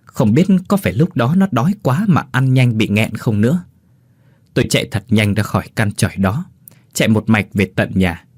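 A man reading a ghost story aloud in an expressive storytelling manner. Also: fairly low pitch, husky, no room sound, studio quality. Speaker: narrator. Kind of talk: scripted ghost story narration.

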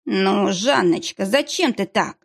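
A woman voicing a whiny, pleading middle-aged ex-husband with a drawn-out, whining delivery. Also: medium pitch, expressive, gravelly, full character voice.

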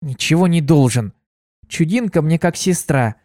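A man reading aloud, voicing a sly, protective blue female pony with a high, bubbly voice. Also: animated, moderate pace, mellow, dry recording, clean studio sound, lightly acted. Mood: teasing. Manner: bubbly, teasing, turns menacing.

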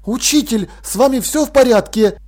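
A man's voice: very high voice, normal speed, darkish tone, voice pushed up. A man voicing a cheerful, curious young male apprentice who chatters with open enthusiasm, in an audiobook. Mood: concerned.

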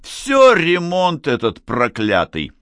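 A man voicing a sly, teasing male artist friend who gets loud when excited. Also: on the low side, unhurried, no echo, clean studio sound. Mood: bantering.

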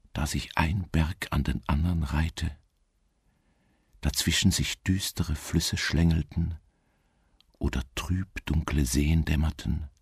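This gothic radio-play narrator is a dreaming male wanderer, alone and melancholy, telling his tale slowly in a literary style. Expect a very low, gravelly, husky whisper-like grain, exaggerated and brooding, recorded close and dry without any room sound.

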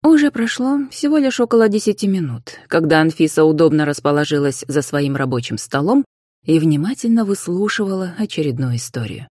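A woman narrating a novel in a measured, even reading voice. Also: deep voice, no echo, clean studio sound. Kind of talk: scripted audiobook narration.

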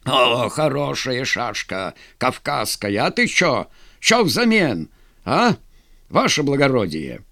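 A man's voice: mid-range voice, sing-song, slow, sharp tone, dry recording, exaggerated voice. A man voicing a brash Cossack who teases and banters over a wager, recorded dry and close. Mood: teasing. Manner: teasing, bantering. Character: brash joking Cossack placing a bet.

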